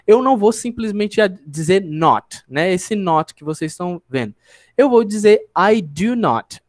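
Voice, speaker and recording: Lively Brazilian man teaching English. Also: sits high, no room sound. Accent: Brazilian Portuguese. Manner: explains step by step, asks rhetorical questions and answers them; slow, drawn-out model phrases for students to repeat. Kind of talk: online grammar lesson.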